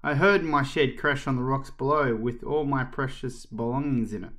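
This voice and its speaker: A man's voice: medium pitch, moderate pace, fairly bright tone, natural voice. A man voicing an odd, kindly male gardener who rambles mildly about his pet worm. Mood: rambling.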